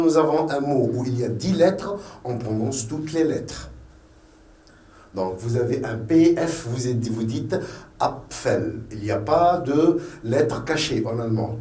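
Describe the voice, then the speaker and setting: A man teaching a beginner language lesson, slowly repeating words to show their pronunciation. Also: medium pitch, animated, mellow, echoey room, distant mic.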